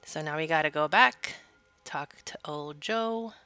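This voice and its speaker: Bright-voiced woman narrating a game walkthrough. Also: deep voice, a little slow, clean tone, no room sound. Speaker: gameplay video host. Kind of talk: casual game walkthrough commentary.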